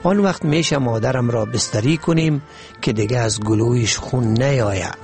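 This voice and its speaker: A man voicing a poor, timid little schoolgirl with an Afghan Dari accent, pleading softly and shakily in a read-aloud story. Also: medium pitch, soft background music, close to an everyday voice. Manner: soft, trembling pleading.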